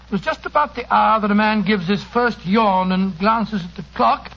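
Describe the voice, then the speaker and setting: High-voiced genial English Doctor Watson. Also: male voice, moderate pace. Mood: genial, reminiscing. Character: genial older English doctor recounting his past adventure. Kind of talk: 1940s radio drama storytelling. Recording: dull old radio broadcast.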